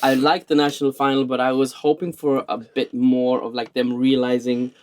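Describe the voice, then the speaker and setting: A man co-hosting a casual chat show, enthusiastic and animated, often tripping over his words. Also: mid-range voice, moderate pace. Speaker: podcast co-host.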